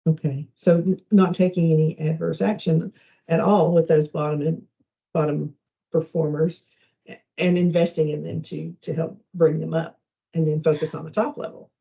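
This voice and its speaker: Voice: medium pitch, flat delivery, moderate pace, vocal fry, mellow. A speaker in a casual work meeting, reflective and agreeable, thinking aloud about the issue. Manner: agreeable, reflective, many backchannels. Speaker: colleague in a work discussion. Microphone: video call. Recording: dull lo-fi meeting call.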